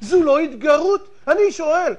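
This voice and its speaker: A man, a rabbi giving a fiery moralizing sermon full of emphatic rhetorical questions, swinging between loud outbursts and hushed asides. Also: very high voice, animated, dull audio.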